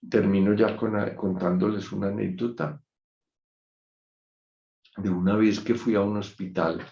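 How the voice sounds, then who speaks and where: A man giving an online lecture, measured and reflective, telling an anecdote. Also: fairly low pitch, fairly even intonation, vocal fry, dark tone. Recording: dull muffled sound in an echoey room.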